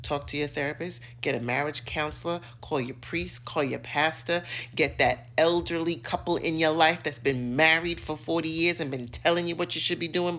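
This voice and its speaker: A middle-aged American woman, a social media commentator, delivers an opinionated rant to camera in a low, slightly bright voice. She's emphatic, sassy and theatrical, with dramatic pauses and drawn-out words.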